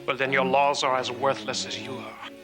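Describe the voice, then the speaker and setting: A man's voice: medium pitch, steady tone, moderate pace, lightly acted. An actor playing a proud, hot-tempered young Frenchman, blunt and defiant in a period film. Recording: film soundtrack with music.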